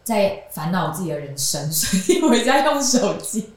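A young woman tells a long story as a guest in a casual chat, rambling and giggling as she goes. Her pitch swings widely and lively. The room around her rings with heavy echo. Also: brisk. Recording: roomy echoing room.

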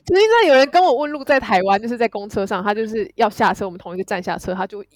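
A woman's voice: medium pitch, expressive, very fast, no room sound. A young woman from Taiwan, a co-host telling stories in a blunt, teasing way and laughing between her lines. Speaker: podcast co-host. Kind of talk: casual chat.

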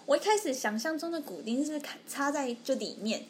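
A young woman co-hosting a podcast tells a story in a casual chat, acting out the people she quotes. Her voice is high-pitched, expressive, and brisk, with a little hiss or hum in the audio.

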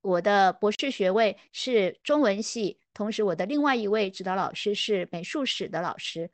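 With a mid-range, expressive voice at a moderate pace, a middle-aged literature scholar tells stories in a conversational lecture. She reflects as she goes and performs the dialogue she quotes. The close-mic recording is dry, with no room sound.

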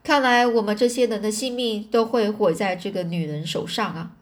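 A woman's voice: medium pitch, moderate pace, natural voice. A woman voicing an anxious, earnest male court adviser. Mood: despairing. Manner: urgent, pleading counsel.

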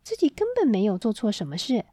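A woman storyteller reading a children's story aloud in a gentle, expressive way, on a close mic. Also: fairly high pitch, fast talker, no echo.

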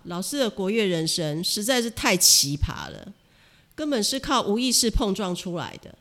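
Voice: mid-range voice, fairly bright tone. A host asking curious, teasing questions in a casual interview.

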